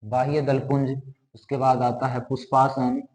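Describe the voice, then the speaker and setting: A man's voice: mid-range voice, level tone, unhurried, a little mellow. A man teaching a biology lesson, asking questions and answering them himself as he repeats each term. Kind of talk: classroom lesson with drawing. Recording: echoey room with long reverb.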